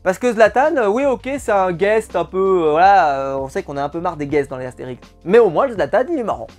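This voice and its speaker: A man's voice: high voice, animated, fairly quick, darkish tone, faint music behind. A man giving a casual, exasperated spoken film review, often repeating words for emphasis. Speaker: film critic.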